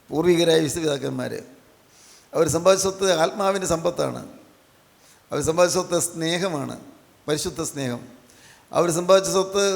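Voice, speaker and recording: High, gravelly male preacher in echoing hall. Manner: emphatic, repeats key phrases. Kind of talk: sermon. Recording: long hall reverb.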